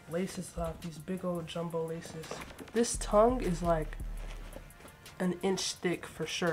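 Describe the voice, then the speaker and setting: In a bedroom with shelves of shoes, a young adult woman casually chats through a sneaker unboxing for her vlog. Her voice is on the low side and a little mellow, slightly congested, and her delivery is relaxed and full of slang.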